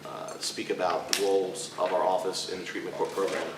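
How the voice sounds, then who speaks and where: Deep low guy on a panel, lots of uhs, echoey room, mic far away. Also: little pitch movement, background noise. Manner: halting, many fillers. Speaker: prosecutor on a treatment court panel. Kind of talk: panel presentation.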